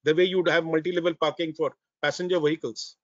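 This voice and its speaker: An older man with an Indian accent, answering panel questions on a video call in a hesitant, measured way as a professor. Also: a little high, fairly even intonation, dry recording. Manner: hesitant, measured, repeats words. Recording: dull, dry video-call audio.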